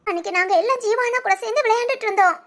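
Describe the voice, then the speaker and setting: A woman voicing a tearful young wife who complains bitterly, her voice breaking into sobs, in an animated family story. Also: very high-pitched, rapid-fire, music in the background. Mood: upset, pleading. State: crying.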